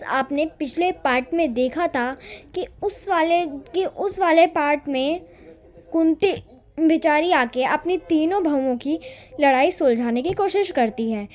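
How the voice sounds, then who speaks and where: A woman's voice: very high-pitched, normal speed, a little mellow. A woman hosting her channel, giving a chatty, casual introduction to her drama series. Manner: chatty, repetitive. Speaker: channel host.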